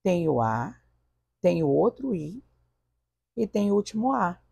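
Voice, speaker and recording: A man voicing a puzzled young student who insists on his own count to the teacher, in a dry, slightly husky voice. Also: sits high, sing-song, a little slow, a little mellow, no room sound, exaggerated voice. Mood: insistent. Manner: insistent, counting letters aloud.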